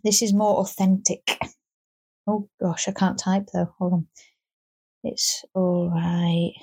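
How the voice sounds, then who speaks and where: Woman, podcast co-host, casual chat, playful, self-mocking, average pitch. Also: level tone, measured pace, darkish tone, breathy edge.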